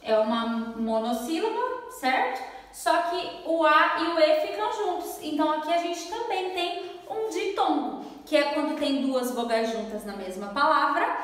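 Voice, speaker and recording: A Brazilian Portuguese-speaking woman teaching a lesson at the board, friendly and patient, drawing words out slowly as she spells them. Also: sits high. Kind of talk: classroom lesson at a whiteboard. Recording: echoey room, voice from far off.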